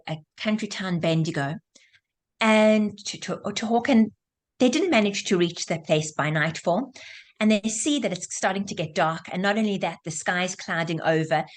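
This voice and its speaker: Woman on a video call telling a story, lively and animated, does the voices. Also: medium pitch. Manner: expressive storyteller, acts out voices in quotes. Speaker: speaker giving a holiday talk.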